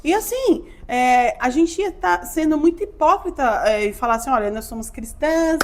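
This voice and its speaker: High pitched brazilian woman, podcast guest, tells her story with lots of feeling. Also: normal speed, background noise. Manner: animated storyteller, acts out her own quotes. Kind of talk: emotional testimony.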